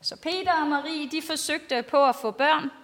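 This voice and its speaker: High-voiced woman preaching in a reverberant hall. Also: noisy background. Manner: plain, simple spoken storytelling to a congregation. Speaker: pastor. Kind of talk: storytelling sermon. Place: large reverberant church, speaking to a congregation. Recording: long church-like hall reverb.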